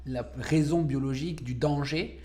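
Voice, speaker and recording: A young Frenchman with a fairly high, warm voice speaks at a moderate pace as a podcast guest. He's a cancer researcher who slips into English words and searches for French ones during the interview.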